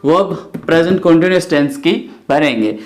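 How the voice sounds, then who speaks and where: A man's voice: a little high, normal speed. A middle-aged man, teaching a grammar lesson and stepping through it by asking and answering his own questions. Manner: explains step by step, often asks and answers his own questions. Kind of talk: classroom lecture.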